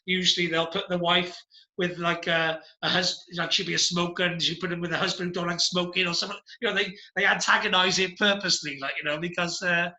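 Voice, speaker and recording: Bright-voiced South Welsh man, rambling. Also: high voice, level tone, quick pace, reverberant, low-quality recording. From Wales. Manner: rambling, lists places with many fillers. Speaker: podcast host. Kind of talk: casual chat.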